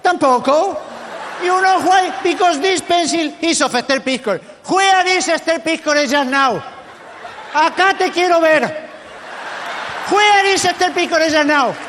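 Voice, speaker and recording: Man as a high, drawling comic babbler, on a live show recording with a crowd. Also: takes it slowly, a bit bright, exaggerated voice. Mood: giddy. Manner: rambling, punning, mock English-lesson recital. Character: manic grown man babbling silly wordplay. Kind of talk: live comedy sketch. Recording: live stage recording with audience and hiss.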